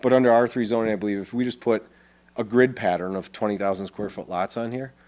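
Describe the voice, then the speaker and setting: A man with a fairly low voice addresses a town board meeting as a developer. He explains his plan in an easy, conversational way and often restarts his sentences. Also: steady tone, fast talker, a little mellow. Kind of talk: public meeting presentation.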